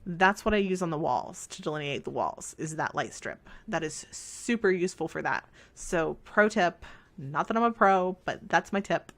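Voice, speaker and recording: A let's play host chats casually over a life sim game, rambling in a self-deprecating way. Her voice is lowish, a little bright, and scratchy from all the talking, and she sounds animated at a moderate pace.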